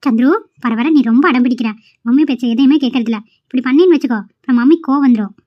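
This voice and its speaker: A woman's voice: high-pitched, quick pace, lightly acted. A woman voicing a firm young mother scolding her son in a cartoon, on a dull lo-fi recording.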